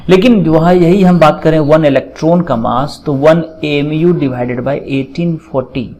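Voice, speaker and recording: Man teaching chemistry, slightly higher voice. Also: darkish tone, rough recording. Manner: explains slowly, checks in often with "theek hai", dictates formulas word by word. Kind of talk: classroom lecture.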